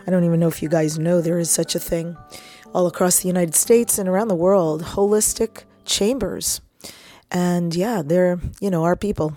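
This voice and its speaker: A woman hosting a radio talk show, chatting casually with a hoarse, husky voice. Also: on the low side, mellow. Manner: chatty, laughing, informal. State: hoarse, recovering voice.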